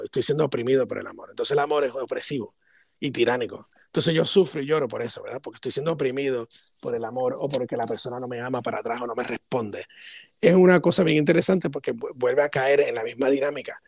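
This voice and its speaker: Gravelly husky man musing at length. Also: mid-range voice, fast talker, dry recording, clean studio sound. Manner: reflective, explains in long reasoned chains. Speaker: podcast co-host. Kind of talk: casual philosophical discussion.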